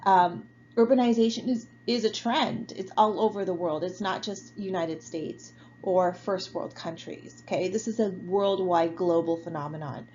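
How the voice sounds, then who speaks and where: A woman gives a recorded geography lecture from home, speaking in a low-pitched, conversational way full of fillers and "right?" checks. The sound is a little muffled and dull. A faint background hiss sits under her voice. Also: normal speed, a little mellow. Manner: casual and conversational, many fillers and tag questions. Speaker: college geography instructor.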